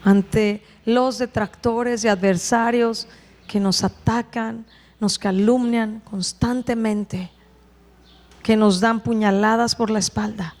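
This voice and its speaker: A woman delivers a sermon in a fairly high voice, animated and asking her listeners rhetorical questions. Her voice rings with a long reverb, as if in a large church hall. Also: takes it slowly. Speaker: preacher.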